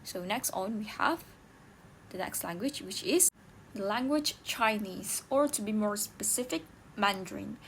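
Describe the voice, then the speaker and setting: A woman's voice: mid-range voice, expressive, unhurried, a bit bright, a little hiss or hum, rough recording. A young woman student giving a recorded class presentation, explaining in a casual way with many fillers.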